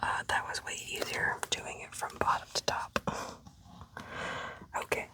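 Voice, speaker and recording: This is an unboxing video host delivering whispered ASMR commentary. Her voice stays low and leisurely, as though she were musing aloud with no one else around.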